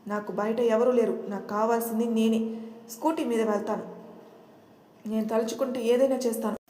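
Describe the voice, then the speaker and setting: A woman's voice: a little high, steady tone, moderate pace, mellow, natural voice. A woman voicing an arrogant, scheming young woman who boasts and threatens. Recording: echoey room.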